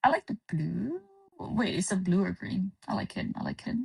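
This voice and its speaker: A woman's voice: mid-range voice, creaky, slightly rough. A Dutch woman chatting casually on a livestream, her voice echoing distantly as if in a cave. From Netherlands. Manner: casual, relaxed talk with frequent pauses. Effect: distant cave-like echo on her voice. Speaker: livestream guest. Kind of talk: casual chat. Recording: distant, echoey stream audio.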